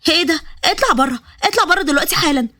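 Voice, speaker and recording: A woman voicing a bossy, panicky young woman with an Egyptian accent who scolds in a shrill voice. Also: expressive, racing, sharp tone, no room sound, studio quality. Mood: scolding. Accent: Egyptian Arabic.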